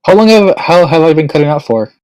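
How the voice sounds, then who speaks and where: A man's voice: fairly high pitch, expressive, darkish tone, no room sound, poor audio. Man on a choppy, cutting-out call. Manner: reads passages aloud haltingly. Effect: choppy cutting-out internet call. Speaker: student in a study call. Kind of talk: casual study chat. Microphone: computer or phone mic on an online call.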